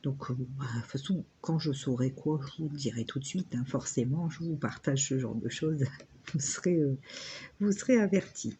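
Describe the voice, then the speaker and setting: A woman's voice: extremely low pitch, moderate pace, warm tone, slight background noise. A woman in her thirties chatting casually and rambling with lots of fillers while she crafts at home. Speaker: vlogger.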